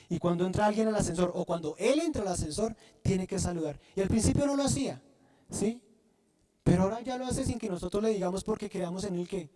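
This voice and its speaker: A man preaching a sermon, often pausing to have the congregation fill in the word, and restarting phrases as he goes. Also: sits high, dark tone. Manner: asks the congregation to fill in words. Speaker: pastor.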